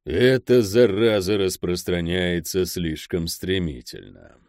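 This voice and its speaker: A man voicing an old, stern crime boss who speaks slowly and curtly, grumbling his orders. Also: deep voice, sing-song, a little mellow, dry recording, studio quality, exaggerated voice. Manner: slow, curt, grumbling.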